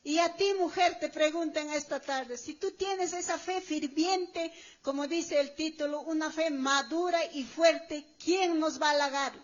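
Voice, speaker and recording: A woman's voice: high-pitched, measured pace. A woman preacher giving an emphatic sermon to a congregation, stretching out her exclamations. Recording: dull lo-fi recording.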